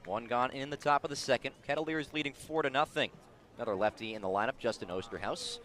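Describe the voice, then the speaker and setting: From outdoors at a ballpark, a man calls live baseball play-by-play on the radio in clipped bursts that rise with the action. His voice is mid-range, quick, and a bit bright.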